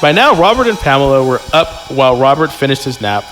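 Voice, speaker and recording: A man on a podcast gives a casual read-aloud of a story, very animated and a little fast in a mid-range voice. He stumbles over the text and keeps interrupting himself with jokes and remarks, while music runs underneath and the sound has long reverb.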